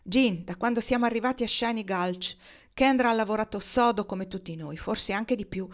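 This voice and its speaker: Firm male leader, commanding, steady, read by a woman, audiobook. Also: mid-range voice, moderate pace, close to an everyday voice. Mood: earnest. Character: authoritative older male gold-camp leader.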